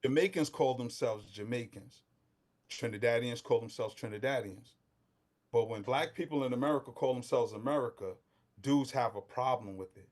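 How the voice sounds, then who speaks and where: A man's voice: mid-range voice, normal speed. A middle-aged man from Brooklyn, a podcast guest talking in street slang, heated and fervent. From Brooklyn, New York. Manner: impassioned, street slang, rising to near-shouting. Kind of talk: casual podcast discussion.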